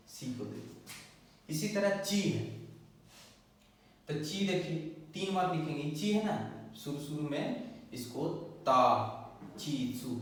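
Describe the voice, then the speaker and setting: A man with a slightly high voice gives a patient board lesson, drilling syllables over and over and asking whether everyone is following. He stands away from the mic in a very echoey room, with a faint hiss underneath. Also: far from the mic. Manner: repetitive, drilling syllables, checking with listeners. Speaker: Japanese teacher. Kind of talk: whiteboard lesson explaining step by step.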